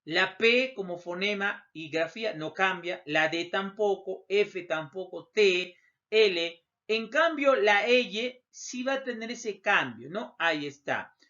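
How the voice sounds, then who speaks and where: A man's voice: sits high, expressive, takes it slowly, pushed and bright. A man teaching a recorded lesson over slides, emphatic, repeating key terms and letting his phrases drop off at the end. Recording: dull lo-fi recording.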